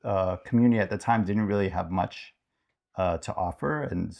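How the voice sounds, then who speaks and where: A man's voice: low-pitched, moderate pace, gravelly, a little mellow, lo-fi sound. A middle-aged man, a podcast co-host, talking reflectively in a casual chat and thinking aloud with many fillers.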